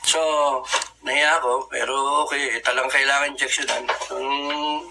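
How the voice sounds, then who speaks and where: A man's voice: mid-range voice, steady tone, normal speed, gravelly, sharp tone, a little hiss or hum, poor audio. A man from the Philippines casually recounting a survival story, chatty, laughing at his own tale and acting out the lines of the people in it.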